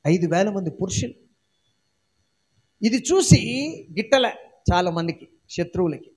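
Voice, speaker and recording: A man's voice: high voice, animated, unhurried, a little mellow, slightly rough. A male pastor with a Andhra Telugu accent, preaching a sermon with emphatic repetition and rhetorical questions. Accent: Telugu-speaking Andhra region. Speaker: senior pastor.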